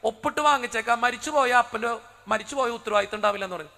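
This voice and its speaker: Fast, high, gravelly-voiced priest preaching. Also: male voice, pushed and bright, in a large hall. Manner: dramatic storyteller who acts out the dialogue. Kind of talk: sermon told as a personal story.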